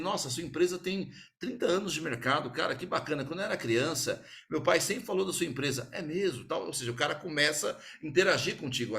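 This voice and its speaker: A man with a Brazilian Portuguese accent giving an energetic sales talk to a small group, acting out little customer dialogues as he explains. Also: a little high. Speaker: sales speaker.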